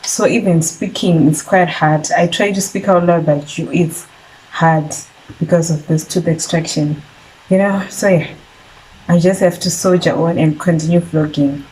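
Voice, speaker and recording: A woman's voice: lowish voice, steady tone, measured pace, a little mellow, slightly rough, low-quality recording. A young woman from Zimbabwe chatting casually to camera as a lifestyle vlogger, speaking with a slight lisp from jaw pain after a tooth extraction and often saying "so yeah" to her viewers. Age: 20s. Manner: chatty, repeats "so yeah", addresses viewers as besties. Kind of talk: casual vlog talk to camera. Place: rural home.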